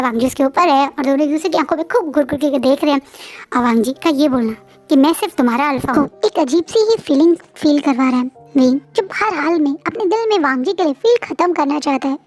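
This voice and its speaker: A woman with a high voice retells a fan fiction story in a chatty, animated way. She often breaks off to talk straight to the characters. Faint music plays behind her. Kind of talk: casual storytelling in Hindi and English.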